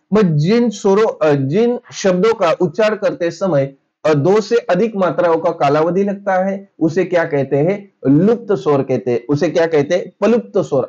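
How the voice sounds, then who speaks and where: A man's voice: high-pitched, darkish tone, highs cut off. A man teaching a grammar lesson who keeps asking the class questions and answering them himself, repeating each key term. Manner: switches between Marathi and Hindi definitions. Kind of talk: classroom lecture.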